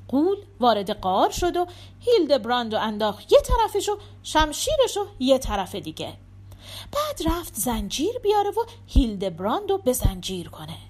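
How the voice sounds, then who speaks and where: A woman's voice: a little high, darkish tone, breathy edge. A woman storyteller narrating a folk tale in a scripted, dramatic reading.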